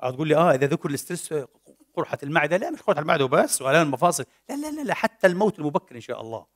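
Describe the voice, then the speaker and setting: A man's voice: a little high, big pitch swings, racing. A man preaching. He mixes formal with colloquial speech and keeps asking rhetorical questions, then answering them himself. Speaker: preacher and lecturer. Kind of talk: lecture-style sermon.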